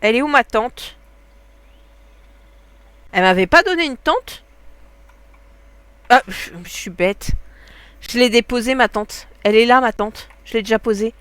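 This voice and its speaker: A woman's voice: fairly high pitch, measured pace, long pauses, fairly bright tone, smooth, no room sound. A woman with a stuffy nose giving casual, chatty commentary while gaming, often laughing. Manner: chatty, laughs often, talks to her dogs. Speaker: gaming streamer.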